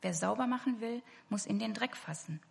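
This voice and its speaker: A woman's voice: mid-range voice, normal speed, vocal fry, darkish tone. A woman preaching a sermon to her congregation, earnest and speaking to them directly. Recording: hall reverb.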